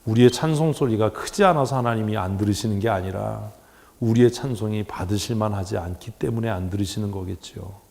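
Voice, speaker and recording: A man preaching a sermon as pastor in a church, animated and joking, acting out the voices he quotes. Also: fairly low pitch, fairly quick, creaky. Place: church sanctuary. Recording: church hall with long reverb.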